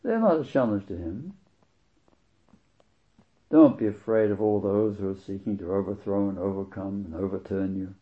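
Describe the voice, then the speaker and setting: A man preaching a sermon, reading scripture aloud and commenting on it, slowing right down to stress key words. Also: lowish voice. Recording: dull lo-fi recording.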